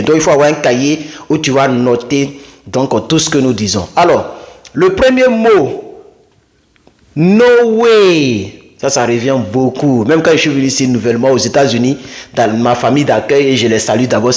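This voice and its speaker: A man giving a casual lesson at a whiteboard, explaining phrases in a lively way and acting out short dialogues. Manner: lively, acts out little dialogues in a higher voice. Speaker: English teacher. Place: room with a small whiteboard.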